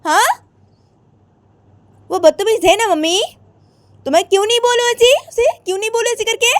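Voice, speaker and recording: A woman voicing an angry, defiant young wife who fires back indignant questions in a shrill voice. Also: animated, normal speed, darkish tone, no echo. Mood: furious. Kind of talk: amateur storytelling with acted voices.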